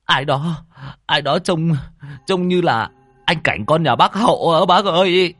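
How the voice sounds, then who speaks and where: A man doing a panicky young village lad, high and stammering. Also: a little slow, a bit bright, no room sound. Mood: panicked.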